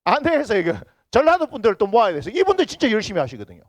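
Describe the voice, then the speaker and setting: Speaking very fast in a high-pitched voice full of huge pitch swings, a Busan pastor with a Gyeongsang accent preaches and banters teasingly with his flock. He uses a handheld mic in the church sanctuary, and the recording has no room sound.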